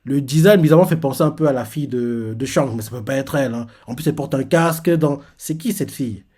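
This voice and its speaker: A man hosts a live manga reaction video, loosely retelling a comic chapter and wondering aloud between scenes. His mid-range voice is fast, darkish in tone and slightly rough.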